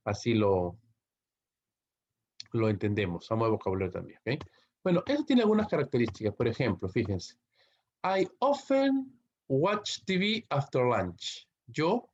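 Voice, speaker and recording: A man's voice: fairly low pitch, a little mellow. Peruvian man teaching english grammar. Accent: Peruvian Spanish. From Peru. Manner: constantly checks in with tag questions like ok and no; reads English example sentences slowly, then translates. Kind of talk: Spanish-language English grammar lesson. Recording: dull lo-fi recording.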